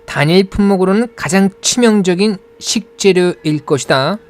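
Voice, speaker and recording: A man's voice: high-pitched, moderate pace. A man teaching English pronunciation in Korean with a Korean accent, explaining patiently and modeling words.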